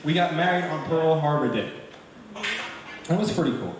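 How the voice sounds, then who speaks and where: Man, stand-up comic, lively up-and-down delivery, echoey club recording, mic set back, audible room noise. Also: fairly high pitch, normal speed, recorded from a distance. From Brooklyn, New York. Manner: chatty, teasing the crowd. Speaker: stand-up comedian. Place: comedy club.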